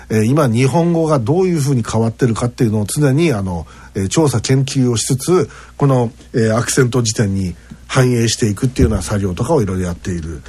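A man hosting a casual web radio show, reading listener mail and acting out word accents with exaggerated pitch swings. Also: a little mellow, slightly rough.

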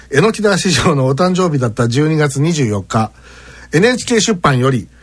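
On a relaxed internet radio show, a man goes through mail from listeners and performs word accents by swinging his pitch dramatically up and down.

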